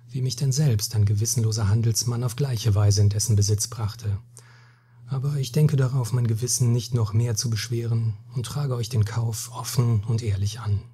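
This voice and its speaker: A man voicing a weary, hot-tempered Spanish captain in a read-aloud story, solemn and weighty, with a very breathy, husky voice. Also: mid-range voice, dark tone, lightly acted. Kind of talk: storybook reading.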